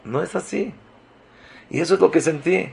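Animated man giving a religious talk. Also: a little high, normal speed, creaky. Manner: animated, swings between loud emphasis and soft asides; uses Hebrew religious terms.

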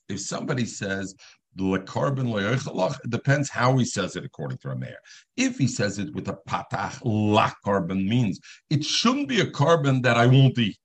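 A man with a low, gravelly and slightly husky voice teaches a Talmud lesson. His pitch rises and falls in a lively sing-song learning cadence as he works through the text. He weaves Hebrew and Aramaic terms into his English.

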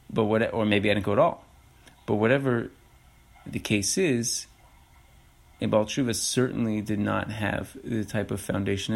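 A podcast host speaks alone into his mic in a low, gravelly voice, reflecting in an unhurried way. He thinks aloud haltingly, with many fillers, often backing up to restart his sentences.

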